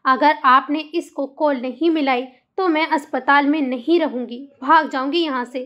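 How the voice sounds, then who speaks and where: A woman's voice: sits high, moderate pace, fairly bright tone, dull audio. A woman voicing a young mother who talks in a pleading, insistent, upset way. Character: young mother, fiery and demanding.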